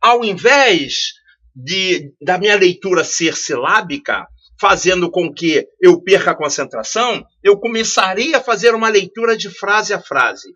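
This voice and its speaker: A male teacher with a high, bright and pushed voice explains a study lesson through rhetorical questions and repeated key phrases. It is a classroom-style video lesson captured in dull, lo-fi audio.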